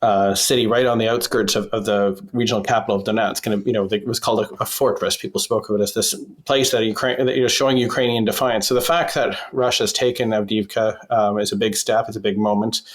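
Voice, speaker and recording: A man reporting by phone from a basement as a foreign correspondent, measured and full of fillers and restarts. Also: lowish voice, fairly even intonation. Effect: phone line. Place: basement in a war zone.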